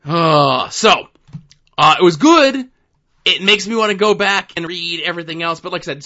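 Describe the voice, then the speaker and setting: A man's voice: on the high side, pushed and bright, dull audio. A man co-hosting a comic book podcast, chatting casually and enthusiastically with a lot of fillers. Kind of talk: casual chat reviewing comics.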